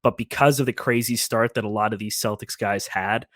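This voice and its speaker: A man co-hosting a casual sports podcast, talking in an easygoing, relaxed way with lots of fillers. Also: on the low side, brisk, dry recording, clean studio sound. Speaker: podcast co-host.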